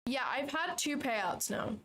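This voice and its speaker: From a small office, a woman hosts a trading livestream, chatting casually, thinking aloud, second-guessing herself and swearing now and then. Her voice is high, expressive and fairly bright, with an unhurried pace and a little hiss or hum in the audio.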